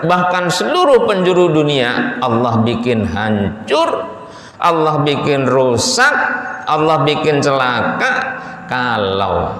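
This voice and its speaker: A man giving a casual Quran commentary lesson in a mosque, colloquial and animated, often slowing to list things one by one. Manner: colloquial, animated, acts out Satan's pleading in a high voice, slows to list items. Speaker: ustadz teaching Quran commentary. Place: mosque hall. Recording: echoey mosque hall, distant mic, faint hum.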